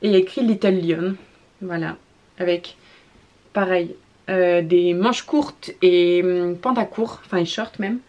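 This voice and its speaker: A young woman, a mother, chatting casually in a haul vlog, gushing about baby clothes and often repeating words and filling pauses with "euh". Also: lowish voice, fairly even intonation, darkish tone, lo-fi sound.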